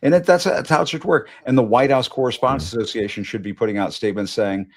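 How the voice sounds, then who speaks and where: A man's voice: medium pitch, fairly even intonation, fast talker. A middle-aged man hosting a live news show, speaking casually with emphasis and the odd swear word. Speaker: host. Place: Washington studio.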